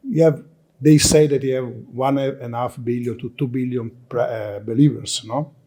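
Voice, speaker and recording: A man from Italy with an Italian accent and an Italian mother tongue, giving a lecture presentation at a conference in halting, non-native English, often restarting and repeating words. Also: mid-range voice, fairly even intonation, dark tone.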